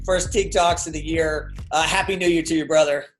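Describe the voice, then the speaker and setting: A man's voice: a little high, steady tone, a little fast, faint music behind, low-quality recording. A man hosting an interview, upbeat and enthusiastic, with a friendly manner. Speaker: host. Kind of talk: conversational interview.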